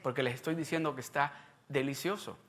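A man preaching a sermon, telling a story with lively acted-out dialogue and sudden loud emphasis. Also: medium pitch, brisk. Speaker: pastor.

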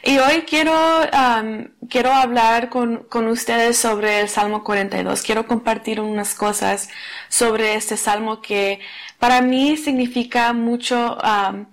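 Earnest woman preaching, slightly high voice. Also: steady tone. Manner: earnest, conversational, many "am" fillers and restarts; slows to read scripture aloud. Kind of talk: Wednesday service sermon.

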